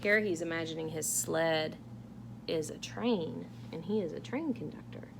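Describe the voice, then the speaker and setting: Asking her young listeners questions and dropping in casual asides, a woman reads a picture book aloud in an engaging way. She has a low voice and a moderate pace, with background noise clearly present.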